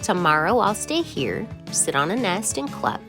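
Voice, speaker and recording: A woman's voice: mid-range voice, big pitch swings, moderate pace, fairly bright tone, faint music behind. A woman voicing an earnest, eager male peacock from a storybook.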